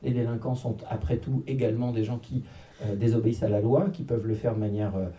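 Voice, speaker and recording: Man, panel speaker, measured explanation, lots of fillers, very dark tone, distant mic. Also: medium pitch, fairly even intonation.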